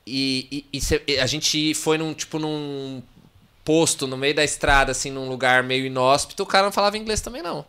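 A man's voice: on the high side, fairly quick, sharp tone, smooth. A man, hosting a podcast and telling travel stories in a chatty way, with many restarts. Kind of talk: casual podcast chat.

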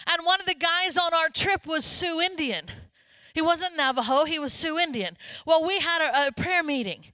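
A woman pastor preaching a sermon in a lively, conversational way, often turning to ask the congregation questions. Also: extremely high pitch, moderate pace, dry recording.

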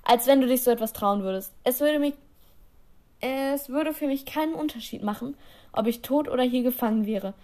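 A woman's voice: high voice, normal speed, a little mellow, natural voice. A woman voicing a teenage girl who talks back with spirit. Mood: defiant. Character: defiant teenage girl, timid turned cheeky.

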